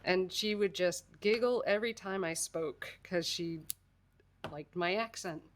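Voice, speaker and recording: Slightly slow and fairly low-pitched, this American woman runs a crafting livestream, talking casually and self-deprecatingly while she works. She laughs a lot, sounds a bit congested, and there's a touch of background noise.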